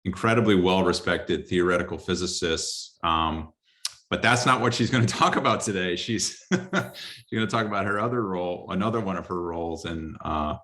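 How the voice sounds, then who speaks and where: Low-voiced man hosting a panel. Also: bright, forceful tone. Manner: friendly, halting introductions with restarts. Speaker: dean and panel host. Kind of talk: moderating a panel discussion.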